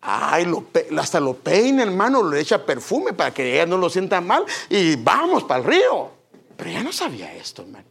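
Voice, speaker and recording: A man's voice: high voice, huge pitch swings, normal speed, creaky, a bit bright, breathy edge. A man preaching a sermon, emphatic, often addressing his listeners as brother.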